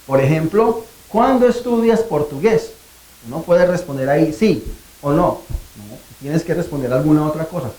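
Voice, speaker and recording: A woman teaching a language lesson, speaking clearly and deliberately and drawing out phrases to show question intonation. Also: deep voice, lively intonation, mellow, roomy sound, poor audio.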